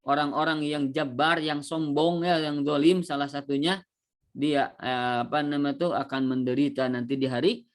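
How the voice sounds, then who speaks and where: A man giving a sermon who addresses his listeners directly, often exclaims in praise, and pauses to search for words. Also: fairly high pitch, steady tone. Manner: repeats religious exclamations and addresses the audience directly. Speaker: Islamic preacher.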